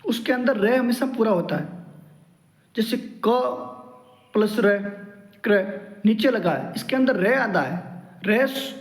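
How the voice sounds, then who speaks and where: A man with a fairly high voice gives a grammar lesson and walks through every rule patiently, saying it again in new words. His voice rings in a room with a long echo. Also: expressive, slow, pauses often. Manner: explains step by step, repeats each rule several times. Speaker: Hindi grammar teacher. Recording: echoey room with long reverb.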